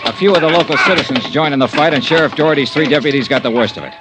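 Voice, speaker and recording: In a vintage radio recording of an old-time detective serial, an American man plays the lead, a tough, terse insurance investigator, and narrates in a clipped, dry, matter-of-fact way. His voice is on the high side and close to an everyday voice, delivered rapid-fire. The audio is very noisy, with faint music.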